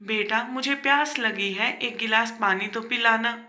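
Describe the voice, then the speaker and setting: Brief: a woman doing a patient, loving elderly mother in a storybook tale, bright and high, gently pleading. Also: measured pace, echoey room.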